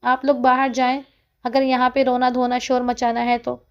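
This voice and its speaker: A woman's voice: sits high, completely flat delivery, smooth, dull audio. A woman voicing a strict female librarian who scolds in a stern tone.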